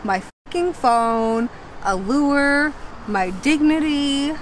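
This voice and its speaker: A young woman on a river fishing trip, talking in a playful, excitable way with plenty of cursing, recorded by an action camera on a boat. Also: sits high, slow. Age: young adult. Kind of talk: casual chat. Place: small boat on a river outdoors. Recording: very noisy outdoor camera audio.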